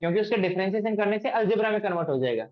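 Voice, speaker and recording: A man's voice: high voice, animated, very fast, lo-fi sound. A man teaching maths to a class. He asks the students questions and repeats them often. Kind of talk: classroom lecture.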